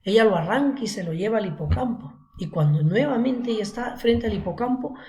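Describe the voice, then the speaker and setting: A woman's voice: medium pitch, animated, fairly quick, darkish tone, slight background noise. A woman teaching an online literature class. She retells a story to her students and keeps checking in with them. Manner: checks in with students, frequent "¿no?" and "¿se acuerdan?" tags.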